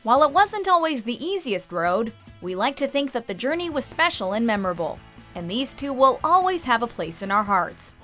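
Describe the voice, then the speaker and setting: A woman's voice: a little high, big pitch swings, moderate pace, bright, forceful tone, soft background music. A woman reading scripted narration as the narrator of a countdown video.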